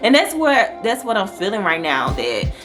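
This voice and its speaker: A woman's voice: mid-range voice, wildly swooping pitch, normal speed. Woman, 30s, casual talk to camera, rambling with fillers, music playing behind. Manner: talkative, conversational, with frequent fillers and restarts. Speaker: vlogger. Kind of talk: casual sit-down chat.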